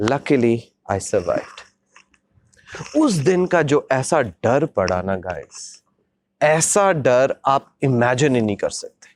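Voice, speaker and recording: A man vlogging a personal story in an animated, dramatic way, acting out sounds and mixing English phrases into his Hindi. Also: fairly high pitch.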